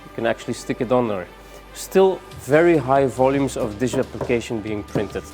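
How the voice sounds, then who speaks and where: A man giving a rushed product demonstration, moving between samples with many fillers and saying he is out of breath. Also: mid-range voice, darkish tone, faint music behind. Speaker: product presenter.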